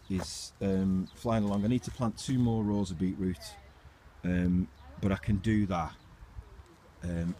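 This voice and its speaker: A man's voice: fairly low pitch, dark tone, slight background noise. Chatty, breathless man outdoors. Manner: chatty, rambling, mild swearing. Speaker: allotment vlogger. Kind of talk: casual garden tour vlog. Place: outdoor allotment.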